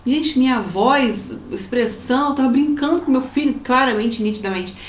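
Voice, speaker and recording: Brazilian woman, casual advice chat, lively storyteller, fairly high voice, roomy sound with faint noise. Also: normal speed. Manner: lively storytelling with acted quotes. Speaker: co-host giving family advice.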